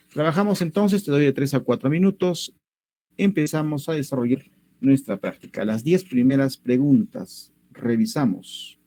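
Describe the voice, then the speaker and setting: A man's voice: mid-range voice, dark tone, dry recording. A male teacher giving an online language lesson over a computer mic, going step by step and checking that students follow. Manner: patient, step by step, keeps checking understanding.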